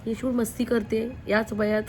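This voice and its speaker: A young woman talking to her followers from her home in a casual family vlog. Her voice sits a little high, and she is chatty and direct, turning to the viewers again and again to ask for their advice. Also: little pitch movement, moderate pace, darkish tone, a little hiss or hum. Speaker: mother and family vlogger. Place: at home, indoors.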